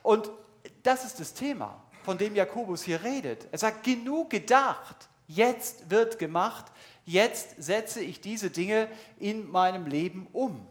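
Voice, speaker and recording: A man's voice: high voice, expressive, measured pace. A middle-aged man preaching a sermon at a church service, earnest and emphatic, speaking straight to his listeners.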